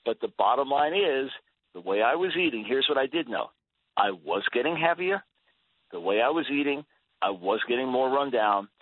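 An earnest, emphatic man in his sixties, a guest on a radio talk show, who often repeats words as he starts a thought. His voice sits at an ordinary middle pitch. It comes through a thin, phone-like line with a close, dry sound. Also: no room sound. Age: 60s. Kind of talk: radio interview.

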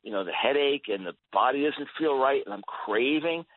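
A man's voice: mid-range voice, lively intonation, moderate pace, a little hiss or hum. A man in his sixties talking as a guest on a radio interview, earnest and emphatic, often repeating words as he starts a thought. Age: 60s. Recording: tinny phone-line radio audio, dry.

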